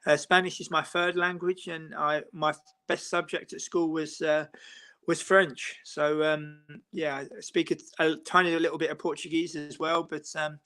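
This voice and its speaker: An English football interviewer, male, chats on a live stream, giving long rambling answers packed with fillers and restarts. His voice is a little high, with flat delivery at normal speed and a sharp, clean tone.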